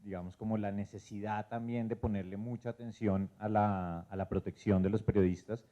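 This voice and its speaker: A low, dark-toned man explains things on a panel, pausing often with fillers. The sound is dull and lo-fi, like a room recording of an event. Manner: measured, hesitant with many fillers. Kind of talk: panel discussion.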